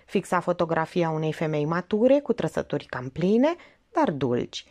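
A woman reading a novel aloud as an audiobook, with expressive storytelling. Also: low-pitched. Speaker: audiobook reader. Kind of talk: audiobook narration.

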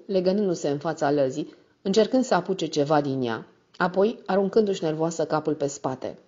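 Woman reading an audiobook, low voice, steady, bit muffled sound. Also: breathy edge. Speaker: audiobook narrator. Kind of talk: scripted first-person novel narration. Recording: slightly muffled recording.

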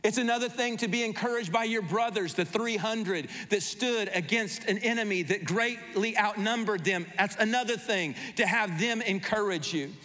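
A man in his fifties preaches with fervent emphasis, hammering repeated phrases. His voice sits high for a man. It rings out through a handheld microphone with the long reverb of a large church auditorium. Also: normal speed, few pauses, bright, forceful tone. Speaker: pastor. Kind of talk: sermon.

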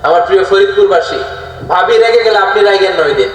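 High-voiced preacher booming through echoing loudspeakers. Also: male voice, brisk. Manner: colloquial, questions the crowd directly. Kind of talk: sermon storytelling. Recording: heavy echo from loudspeakers.

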